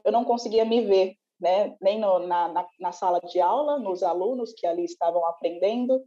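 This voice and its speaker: A woman's voice: medium pitch, dark tone, muffled recording. A woman, a guest on a panel, telling her story reflectively and often adding tag questions. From Brazil. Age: 20s. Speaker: panel guest, community CEO. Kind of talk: conversational panel interview.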